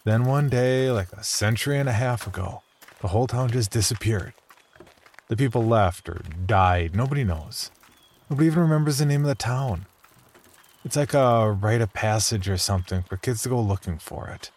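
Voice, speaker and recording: A man's voice: medium pitch, lively intonation, normal speed, a little mellow. A man voicing Jamie, a cautious twelve-year-old small-town boy, in a horror story, speaking in a reluctant, matter-of-fact way. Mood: wary.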